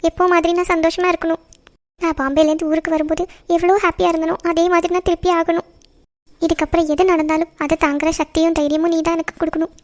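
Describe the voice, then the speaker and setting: A woman voicing a heartbroken, proud young woman in a cartoon, speaking quickly and sharply. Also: high-pitched, natural voice. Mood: sorrowful. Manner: quick, sharp delivery that turns tearful and defiant. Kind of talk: cartoon voice acting.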